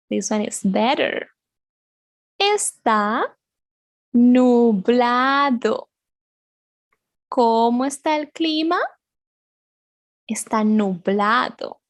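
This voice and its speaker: A woman teaching a beginners' language lesson for children, animated and playful, repeating words slowly with sound effects. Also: on the high side, vocal fry, no echo, studio quality. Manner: animated, exaggerated, slow repetitions with sound effects. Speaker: Spanish teacher.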